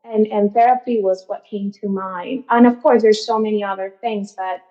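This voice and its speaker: A woman's voice: mid-range voice, steady tone, normal speed, mellow. A woman in her late thirties, a therapist answering interview questions in an earnest, reflective and slightly hesitant way. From Venezuela. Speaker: guest therapist. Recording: slightly muffled lo-fi audio.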